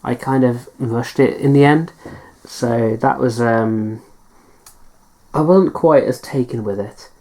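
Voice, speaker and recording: A woman's voice: extremely low pitch, slow pace, warm tone. Chatty woman answering hobby questions. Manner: chatty, hesitant, self-deprecating. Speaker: hobby vlogger. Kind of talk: casual Q&A chat.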